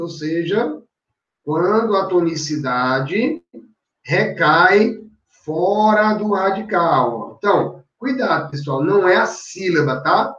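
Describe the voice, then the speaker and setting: Guy teaching grammar slow n high, keeps checking everyone's following, far off mic in an echoey room. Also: fairly bright tone, muffled recording. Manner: explains step by step, constantly checking in with the class. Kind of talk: exam-prep lecture.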